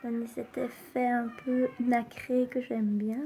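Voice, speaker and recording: A woman with a high voice hosts a casual live makeup demonstration. She talks slowly and chattily, sprinkling in small interjections. Now and then she drops into soft, near-whispered asides as she applies the product. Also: level tone. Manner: chatty, unhurried, full of fillers like "hein" and "hop". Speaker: makeup live-stream host.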